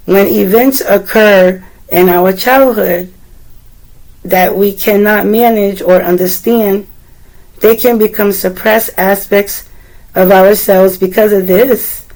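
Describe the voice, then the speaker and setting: Getting over a cold, this tarot reader has a deep, somewhat rough voice and talks softly and rambles while speaking to the viewer. Part of her casual reading comes straight from a guidebook, and the recording sounds poor.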